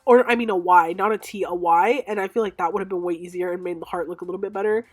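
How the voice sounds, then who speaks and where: Lowish and steady in tone, this young woman talks fast, though her voice is clogged from illness. She's a nail art creator narrating a casual tutorial at home. Fillers like um and frequent self-corrections run through her speech.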